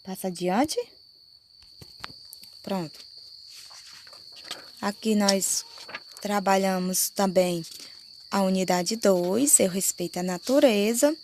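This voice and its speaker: Brazilian lady teacher, going real slow and patient, crickets chirping faintly behind. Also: medium pitch, darkish tone, slight background noise. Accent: Brazilian Portuguese. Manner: slow, explanatory, checks understanding with "né?" and "certo?". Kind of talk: recorded class lesson.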